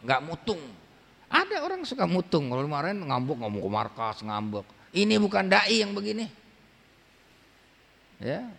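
A man giving a colloquial, emphatic religious talk, his pitch swinging up sharply for emphasis. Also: a bit bright. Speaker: preacher. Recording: long hall reverb.

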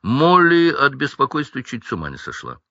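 A man's voice: medium pitch, wildly swooping pitch, moderate pace, pushed and bright, no echo, dull audio, pitched above the performer's own voice, exaggerated voice. A man voicing a flustered, kindly middle-aged wizard father, breathless and relieved.

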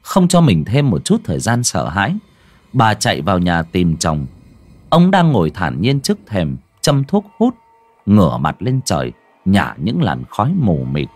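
Husky man narrating a horror tale. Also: low voice, huge pitch swings, a little slow, a little mellow, no room sound, soft background music. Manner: dramatic, suspenseful storytelling. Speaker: audiobook narrator.

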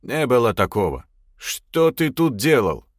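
A man's voice: medium pitch, big pitch swings, measured pace, no echo, studio quality, pitched above the performer's own voice. A man voicing a flustered, uneasy older male innkeeper who mumbles.

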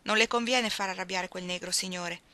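A woman's voice: on the low side, fairly even intonation, a little fast, sharp tone. A woman reading an audiobook, voicing a cheeky young man who taunts mockingly. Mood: taunting.

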